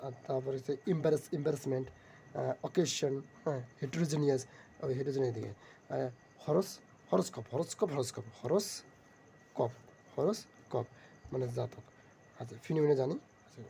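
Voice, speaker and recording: A man's voice: mid-range voice, vocal fry, mellow, a little hiss or hum. A man teaching vocabulary, spelling words out letter by letter and repeating them many times.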